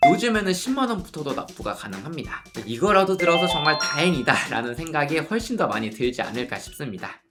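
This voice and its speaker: A man's voice: on the high side, fairly bright tone. A man in his thirties, an insurance planner, giving a persuasive explainer talk full of rhetorical questions. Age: 30s. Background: background music.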